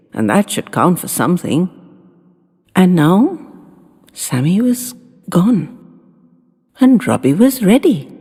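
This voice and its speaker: A woman with a warm, gravelly, rather low voice reads a story as scripted audiobook narration, delivering it in a tender, dramatic way. The recording has long reverb, with music playing in the background.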